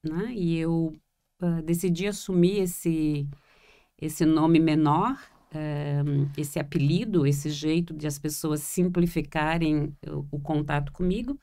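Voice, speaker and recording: A woman's voice: low-pitched, fairly even intonation, slow, warm tone. A woman from Florianópolis with its local accent, a therapist co-hosting a podcast, talking reflectively and hesitantly with many fillers. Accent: Florianópolis Portuguese. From Florianópolis, Brazil. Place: small room with three people.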